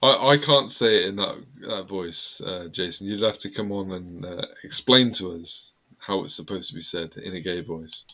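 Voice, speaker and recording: Bright, jokey man hosting a stream. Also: sits low, normal speed, hardly any pauses. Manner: jokey, laughs often. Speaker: host of a live stream. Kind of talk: casual live-stream banter. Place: home room near a staircase.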